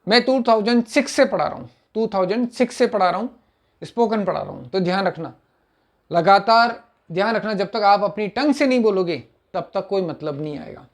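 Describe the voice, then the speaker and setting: A middle-aged man teaching spoken English online, repeating example sentences slowly and clearing his throat now and then. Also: sits high, lively intonation.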